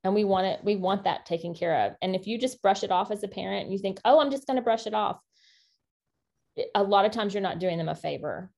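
A woman co-hosting a casual faith-based parenting podcast, talking in an earnest, encouraging way with quick asides. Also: mid-range voice, creaky, a little mellow. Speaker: podcast co-host.

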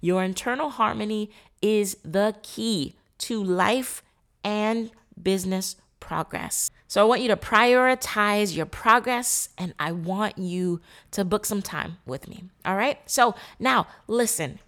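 A woman's voice: medium pitch, slow pace, fairly bright tone. A woman hosts a motivational podcast. She talks emphatically, repeats words for stress and calls her listeners queen. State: stuffy nose. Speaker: podcast host. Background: painters working nearby.

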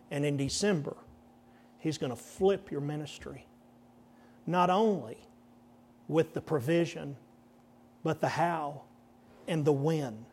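Animated pastor in his fifties. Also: fairly high pitch, slightly rough. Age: 50s. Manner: animated storyteller, voices the people in his story. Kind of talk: storytelling sermon.

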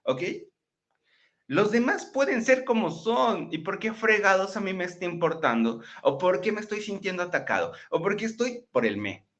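A man's voice: high voice, expressive, normal speed, a bit bright, highs cut off. A man giving a chatty live-streamed motivational talk, often checking in with his listeners. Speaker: motivational speaker. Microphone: laptop microphone.

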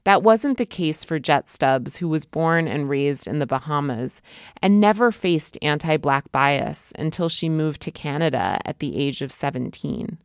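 A woman host narrates a podcast in a measured, polished way. Her voice is low and smooth, recorded dry and close with no room sound. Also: expressive, no room sound. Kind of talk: scripted narration.

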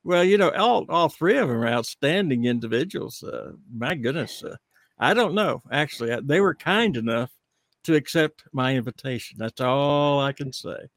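A man hosting an unscripted live panel show in a halting way, repeating words for emphasis. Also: mid-range voice, lively intonation, fairly bright tone, no echo, studio quality. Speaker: host.

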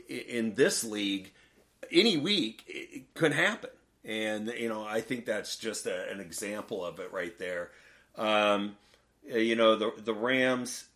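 A man co-hosting a casual sports podcast, talking in halting bursts with many fillers and restarts. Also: lowish voice, fairly bright tone. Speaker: podcast co-host.

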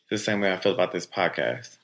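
A man's voice: deep voice, lively intonation, a bit bright. A man co-hosting a casual podcast in a studio, loose and joking, drawing out his words as he introduces a topic. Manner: loose, joking, drawn-out delivery. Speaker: podcast co-host. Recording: echoey room.

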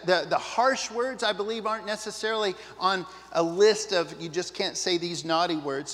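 A pastor delivers a sermon in a casual, earnest manner, frequently addressing the congregation with asides. His voice is high for a man and fairly bright, and the long reverb of a church hall surrounds the sound.

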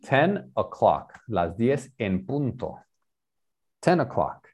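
Male English tutor, patient, lively pitch. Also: takes it slowly, slightly rough. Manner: patient, switches between English and Spanish, repeats and explains. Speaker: English teacher. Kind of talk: online bilingual English lesson.

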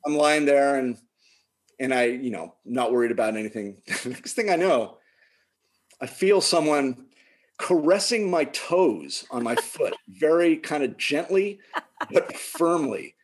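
A man casually telling a funny personal story, animated and laughing often. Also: medium pitch, unhurried. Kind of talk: casual chat.

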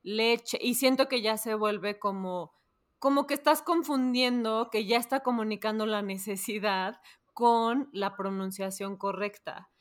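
Brief: woman, podcast host, mid-pitched, easy conversational tone. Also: measured pace. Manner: conversational, asks follow-up questions. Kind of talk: casual podcast chat.

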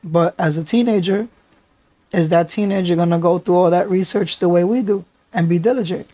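Raspy New York man, a bit sick. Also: sits high, fairly quick, dark tone, no echo. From the Bronx. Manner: reflective, thoughtful, speaks in long run-on sentences. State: sick, under the weather. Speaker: podcast host. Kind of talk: casual chat.

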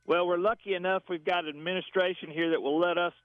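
A man's voice: high-pitched, steady tone, fast, dry recording. American male coach on a tinny phone line. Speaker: high school football coach. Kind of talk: casual phone interview.

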